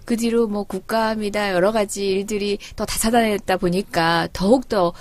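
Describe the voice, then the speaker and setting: A woman's voice: mid-range voice, steady tone, moderate pace. A middle-aged woman co-hosting a casual political talk podcast, articulate and wry. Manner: articulate, wry, laughs easily. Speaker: co-host, lawmaker.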